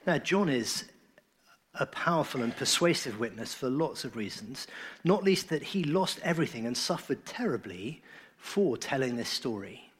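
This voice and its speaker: A man preaching a sermon in an earnest, emphatic way, his phrases often trailing off softly. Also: medium pitch, very animated, moderate pace, slightly rough.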